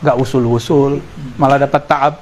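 Man giving a relaxed sufi lecture. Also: mid-range voice, moderate pace, slight background noise. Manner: relaxed, joking aside with listeners. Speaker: religious teacher. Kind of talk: sufi study-circle lecture.

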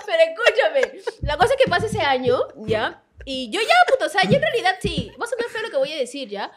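A young woman with a Peruvian accent telling a personal story in a casual chat, animated and laughing, often breaking in with "escúchame". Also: very high voice, fast talker. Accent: Peruvian Spanish. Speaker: podcast co-host telling a story. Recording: live audience noise behind.

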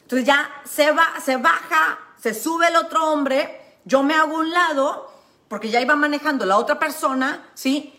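High-voiced Mexican woman, emphatic. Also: normal speed, sharp tone. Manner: emphatic, repetitive, with many fillers. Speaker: motivational speaker. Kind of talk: motivational talk with storytelling.

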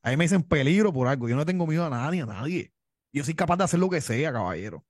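With a Cuban accent, this wrestling guest from Cuba recounts his story, bragging, acting tough, and going over the same points again and again. He speaks on the high side, expressively and at a quick pace. The recording is dry and clean, studio-grade.

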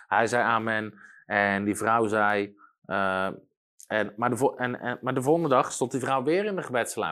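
A man preaching a sermon with emphatic delivery, slowing down to read scripture and rising to loud exclamations. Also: fairly low pitch. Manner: reads scripture slowly and deliberately.

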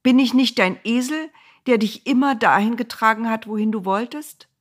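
A woman's voice: on the high side, normal speed, voice pushed up, lightly acted. A woman voicing a frightened talking donkey that pleads with its master. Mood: reproachful. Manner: pleading, hurt.

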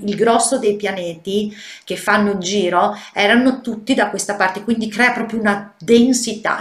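Woman host, casual explainer, mid-pitched, searches for words with fillers and restarts, echoey room. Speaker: astrology channel host. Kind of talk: casual explanatory video talk. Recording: roomy echo.

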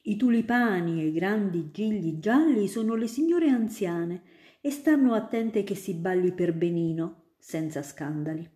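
A kindly young student eagerly spinning tales of dancing flowers, as a woman reads him aloud. The voice is warm and mellow, lively and a bit raised, with a roomy echo around it. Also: mid-range voice, a little slow, lightly acted. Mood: enthusiastic. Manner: animated storytelling.

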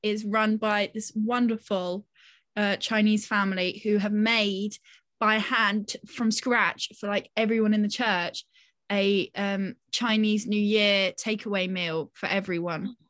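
A woman's voice: mid-range voice, level tone, a little slow, a bit bright, dry recording. A young woman in her twenties co-hosting a casual podcast, talking enthusiastically and rambling with many restarts. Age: 20s. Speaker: podcast co-host.

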